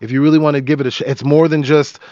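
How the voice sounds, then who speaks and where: A man co-hosting a podcast in casual chat, excitable and rambling with lots of restarts. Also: fairly high pitch, racing, no echo, muffled recording. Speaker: podcast co-host.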